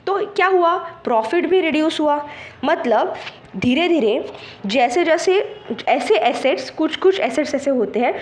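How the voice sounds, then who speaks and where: A woman's voice: sits high, animated, a little slow. A woman teaching an exam-prep lecture, explaining step by step and checking in with students, mixing English terms into her Hindi. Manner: patient, checks understanding with frequent "theek hai".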